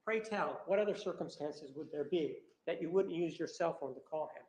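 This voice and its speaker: Combative prosecutor in an echoey courtroom. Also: male voice, a little high, moderate pace, a little mellow. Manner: pressing, repetitive, combative questioning. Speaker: trial prosecutor. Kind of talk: courtroom cross-examination.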